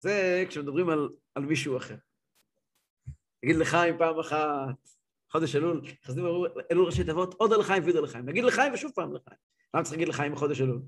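A man teaching a religious class as a rabbi, telling stories in an animated way and acting out scenes. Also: fairly high pitch, slightly rough. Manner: animated, acts out scenes, repeats words. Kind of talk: lively storytelling lesson.

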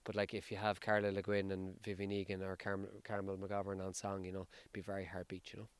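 A man with a west of Ireland accent speaks in a low voice with little melody. He is a coach being interviewed, talking off the cuff and often doubling back on words. The sound is close and dry. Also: completely flat delivery, fairly quick, clean tone, no room sound. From County Sligo, west of Ireland. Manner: hesitant, repeating words as he searches for phrasing. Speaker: football team coach.

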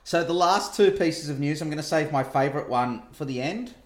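A man's voice: fairly high pitch, a little fast. A man hosting a casual sports review podcast, talking wryly and repeating himself for emphasis.

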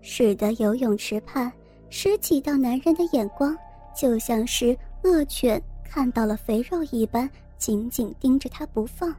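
A woman reading a scripted story as narrator, in a steady, even manner. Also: sits high. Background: faint music.

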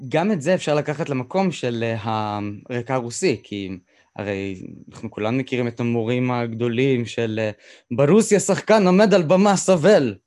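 Man, mid-range voice, interviewer, conversational, halting and searching for the right word. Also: mid-range voice, lively intonation, a little mellow. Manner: hesitant, searching for words.

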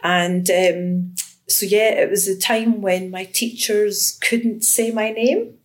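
A medium-pitched voice with fairly even intonation belongs to a woman in her fifties from Scotland who lectures and researches education. She speaks slowly and thoughtfully about her research in an interview setting, frequently restarting and using fillers.

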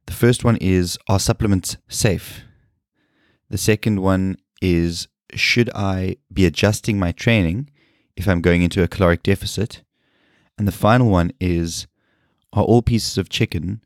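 Deep-voiced man with a scratchy, hoarse voice. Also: a little mellow, no room sound, clean studio sound. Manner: earnest, explanatory, with fillers and pauses. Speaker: podcast host and personal trainer. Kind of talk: solo podcast monologue.

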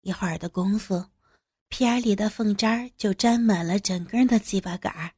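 A woman narrating a story in the first person, with unhurried, plain storytelling. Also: mid-range voice, warm tone, slightly rough, dry recording, clean studio sound.

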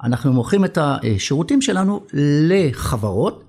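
In a conversational business interview, the guest, a middle-aged company country manager with an Israeli accent, has a husky, slightly high, sing-song voice that is a bit mellow. He drives his points home emphatically and repeats phrases for weight.

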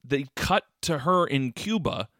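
A man co-hosting a podcast in a casual chat, talking in an animated, rambling, exclamatory way. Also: on the high side, measured pace, dry recording. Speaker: podcast co-host.

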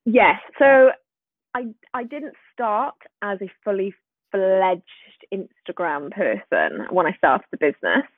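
A woman's voice: mid-range voice, lively intonation, slow pace, dry recording. A woman from Swansea with a light Welsh accent, chatting casually and self-deprecatingly as a guest, with a giggly manner. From Swansea, Wales. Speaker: podcast guest, small business owner. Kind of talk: casual chat. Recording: thin band-limited phone-like call audio.

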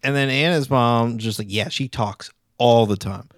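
Rambling man with a halting delivery. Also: mid-range voice. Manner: rambling, halting, self-deprecating. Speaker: podcast co-host. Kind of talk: casual chat.

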